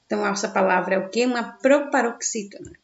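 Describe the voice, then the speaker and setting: A woman teacher giving a recorded grammar lesson for children in Brazilian Portuguese, sounding out stressed syllables slowly and answering her own questions. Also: medium pitch, creaky. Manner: slow, stressed syllables when sounding out words; asks the class questions and answers them herself. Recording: dull, echoey room.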